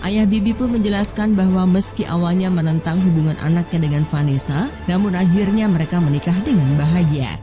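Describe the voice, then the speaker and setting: A woman reads a scripted entertainment news voice-over in a smooth, even delivery. Her voice sits lowish for a woman. Music runs clearly underneath her. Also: brisk, few pauses. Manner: smooth, read-aloud delivery.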